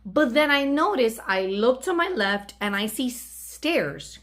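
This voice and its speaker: Speaking slowly in a fairly high, fairly bright voice, this channel host recounts a personal story in an animated, casual way. She acts out pieces of the dialogue as the tale unfolds.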